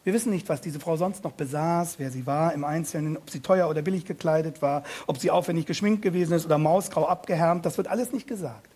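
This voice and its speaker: A man preaching a sermon on a Bible passage, speaking emphatically, slowing down and repeating key words, and addressing his listeners directly with questions. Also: fairly high pitch, dark tone, husky.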